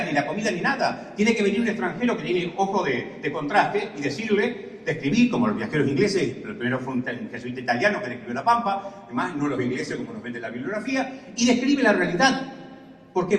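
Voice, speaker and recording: An older man with an Argentine accent giving a lecture as a professor, telling classroom stories with dry humor. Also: sits high. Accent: Argentine Spanish. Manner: storytelling, varied emphasis, dry humor. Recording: echoey hall, distant mic.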